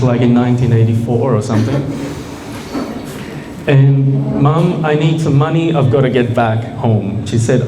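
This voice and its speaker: A middle-aged man telling a rambling personal story live on stage, often asking the audience questions. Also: mid-range voice. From Peru. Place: small bar venue, live audience. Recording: echoey room with faint noise.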